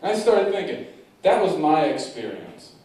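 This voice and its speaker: A man doing a stand-up comedy set on a theater stage, telling a story with animated delivery that bursts into loud stretches. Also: fairly high pitch, unhurried. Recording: echoey room from far off.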